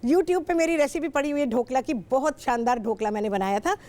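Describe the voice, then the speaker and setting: A woman's voice: high-pitched, brisk, darkish tone. A middle-aged woman with a Pakistani Urdu accent, hosting a television cooking show and chatting with callers in a talkative, instructive way. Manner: talkative, instructive, repeats herself often. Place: television studio.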